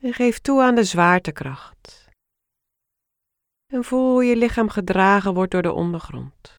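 A woman leading a guided relaxation as an instructor, giving short, soothing instructions in a calm, unhurried manner. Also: mid-range voice, no echo, clean studio sound.

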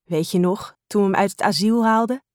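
Brief: kind calm mother, read by a woman, storybook. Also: mid-range voice, fairly quick, dry recording, clean studio sound, lightly acted.

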